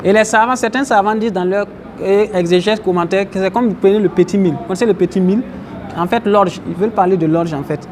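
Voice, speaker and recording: A man speaks at a quick pace in a high-pitched voice. He is an Islamic teacher running a religious class in a mosque, explaining Arabic terms and questioning his listeners as faint outdoor traffic plays behind him.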